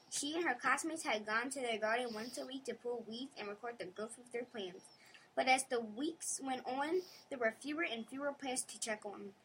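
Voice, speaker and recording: A woman narrating a children's storybook in a clear, gentle storytelling manner. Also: sits high, slight background noise, low-quality recording. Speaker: audiobook narrator.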